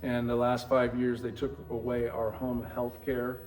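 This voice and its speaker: A middle-aged man from New Hampshire, a former pro football player, telling his story in an interview with many pauses and restarts. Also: medium pitch, monotone, darkish tone, faint music behind. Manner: rambling, halting, with many restarts.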